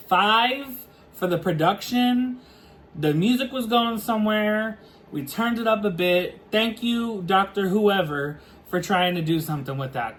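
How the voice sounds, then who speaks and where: A co-host tearing into songs in a casual review chat, with a voice at a middle pitch. The delivery is blunt, dramatic and full of swearing. A faint layer of room noise hums underneath. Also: fairly bright tone.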